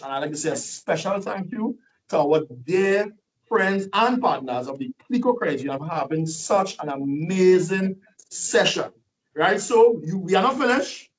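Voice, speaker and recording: A man giving a lively, preachy motivational webinar talk full of rhetorical questions, over a video call. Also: high voice, distant mic, low-quality recording. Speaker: guest speaker.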